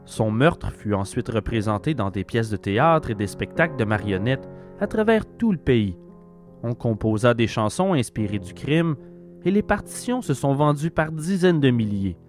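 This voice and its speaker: A Québécois man delivers scripted documentary narration. His mid-pitched voice moves animatedly up and down while he tells things reflectively. Faint guitar music sits underneath. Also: very animated, moderate pace. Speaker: host narrator.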